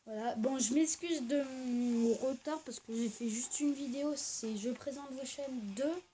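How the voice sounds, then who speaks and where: Woman, casual game commentary; soft, halting delivery, warm and a bit high, faint noise behind. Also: low-quality recording. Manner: hesitant, full of pauses and fillers. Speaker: gaming video host.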